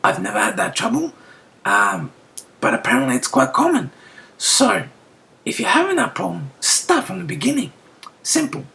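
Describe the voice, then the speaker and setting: A casual beatbox tutor with a very gravelly, fry-heavy voice that swings widely in pitch. The tone is bright and edged. The tutor walks through each step, keeps asking "right?", and now and then drops to a whisper. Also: very animated, normal speed, long pauses.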